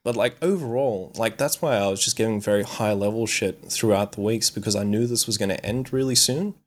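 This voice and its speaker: A man with a somewhat low voice chats on a movie podcast. He retells a story in a loose, meandering way, swearing freely and filling gaps with "like" and "um.". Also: brisk. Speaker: podcast co-host. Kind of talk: casual chat, retelling an anime plot.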